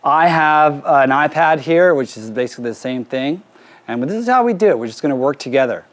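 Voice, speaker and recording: An animated music producer with a fairly high voice talks a little fast as he gives his crew informal instructions during a casual hands-on mixing tutorial. The session takes place in a drum studio with a PA.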